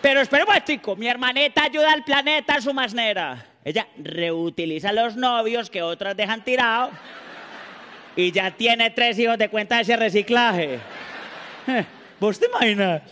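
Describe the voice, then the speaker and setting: High-voiced Paisa comic, bright and animated. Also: male voice, moderate pace, in a large hall, a little hiss or hum. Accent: Colombian Paisa. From Colombia. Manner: animated, mugging, banters with the audience. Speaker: stand-up comedian. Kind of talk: stand-up comedy monologue. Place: TV studio stage before a live audience.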